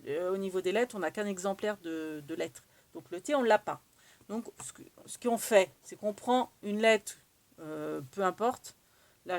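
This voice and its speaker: A woman with a French accent demonstrating a craft tool, chatting casually and thinking aloud as she works. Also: medium pitch. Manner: chatty, thinks aloud while working, many fillers. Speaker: craft tutorial host.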